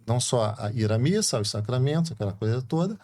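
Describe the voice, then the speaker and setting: Gravelly middle-aged Brazilian man from Rio. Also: mid-range voice, fast talker. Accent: Brazilian Portuguese, Rio de Janeiro. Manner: calm storytelling with frequent tag questions. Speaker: permanent deacon, guest. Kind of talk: casual conversation.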